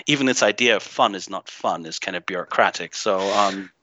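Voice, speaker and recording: In a relaxed interview, a podcast guest who grew up in Greece speaks bluntly, swearing and frequently saying um or starting over. His voice sits low and his pace is moderate. The recording is dry and a bit muffled.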